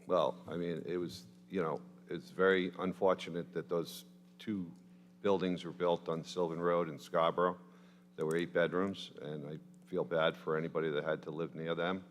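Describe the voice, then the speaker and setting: A man with a very deep voice speaks from the council dais in a casual, filler-laden way. The hall gives his voice a long reverb, and a faint hum sits underneath. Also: flat delivery, moderate pace. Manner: casual, with fillers like "you know". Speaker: council member. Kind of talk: town council meeting discussion.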